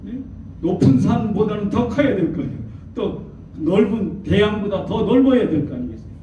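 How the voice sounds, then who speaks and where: A man's voice: high-pitched, big pitch swings, normal speed, warm tone, a little hiss or hum. A man, a church elder, preaching a sermon, asking rhetorical questions and acting out quoted voices. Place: church hall. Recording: echoey hall from far off, dull.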